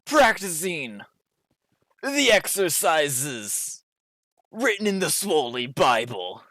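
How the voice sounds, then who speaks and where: A man's voice: a little high, big pitch swings, slow pace, pushed and bright, no room sound, heavily acted. A man voicing a dim, proud, muscle-obsessed dude bro monk in a tabletop role-playing game, enunciating word by word like a gym bro. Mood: earnest, reminiscing. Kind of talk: in-character tabletop role-play.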